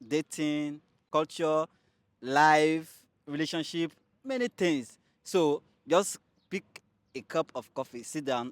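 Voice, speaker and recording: A man's voice: on the high side, no room sound. Upbeat male host, raised voice. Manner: energetic, frequent "mm" backchannels. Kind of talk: casual interview hosting.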